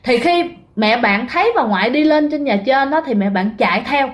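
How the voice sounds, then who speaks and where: Speaking at normal speed in a high, expressive voice, a woman tells a ghost story in a relaxed, conversational way. She often turns to address her audience directly.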